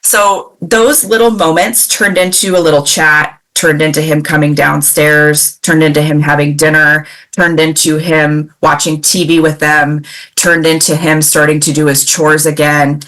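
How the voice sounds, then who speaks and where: Low-pitched lady coach from the pacific northwest, chatty, acts out the quotes. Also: measured pace. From Pacific Northwest, USA. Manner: animated, acts out quoted dialogue, many fillers. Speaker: parenting coach, guest. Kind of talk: conversational storytelling.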